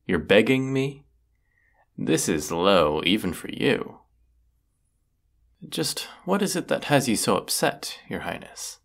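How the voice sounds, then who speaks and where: In a scripted audio roleplay, a man voices a proud, brooding, sardonic wizard of the woods, speaking haughtily and deliberately. His lowish voice is very animated and heavily acted, with vocal fry.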